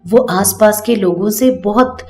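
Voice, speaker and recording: Woman voicing a gentle, clever daughter-in-law. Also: mid-range voice, unhurried, soft background music, lightly acted.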